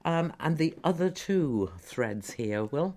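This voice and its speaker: A radio presenter asking guests encouraging questions in a lively way. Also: mid-range voice, slow, a little hiss or hum. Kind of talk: radio interview hosting.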